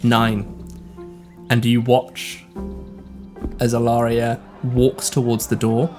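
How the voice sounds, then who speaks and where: Male game master, unhurried and careful, narrating a tabletop scene over soft background music. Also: medium pitch, monotone. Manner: measured, descriptive narration with hesitant fillers.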